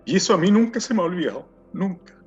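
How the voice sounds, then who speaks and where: A middle-aged Chilean man telling his personal testimony in an earnest, halting way, often repeating words as he searches for them. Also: sits high, animated, slightly rough. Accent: Chilean Spanish. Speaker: testimony speaker. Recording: dull sound with faint music behind.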